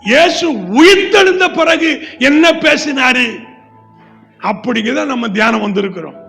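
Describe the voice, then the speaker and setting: A male pastor with a Tamil Nadu accent preaches emphatically, his voice sitting very high and ringing with a bright, forceful edge. He bursts into shouts at times. The sound comes from a church hall with a long reverberant tail and a faint bed of music underneath. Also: creaky. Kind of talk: sermon.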